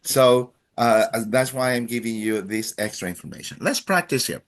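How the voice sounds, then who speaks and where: A native Spanish-speaking man from Chile, with a Chilean accent, teaches a language class at normal speed in a medium-pitched voice. His style is encouraging and playful, full of fillers.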